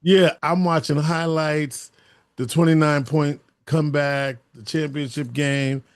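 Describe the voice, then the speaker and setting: A man's voice: a little high, steady tone, smooth, dry recording, studio quality. A man co-hosting a casual podcast chat. He tells stories with eager enthusiasm and laughs easily. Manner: enthusiastic, storytelling, quick laughs. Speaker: co-host.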